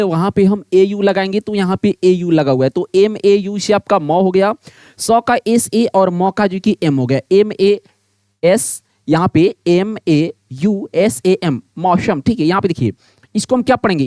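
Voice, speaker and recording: With a high, darkish-toned voice that sounds dry and close with no room echo, a man gives a blackboard lesson. Over and over he poses a question to the class and answers it himself in a repetitive drill.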